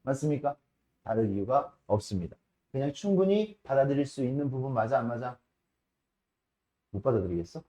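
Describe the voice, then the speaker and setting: A man's voice: mid-range voice, lively intonation, dark tone. Casual man teaching math. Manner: casual, asks students frequent checking questions; slows down and stresses key terms. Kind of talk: classroom lecture.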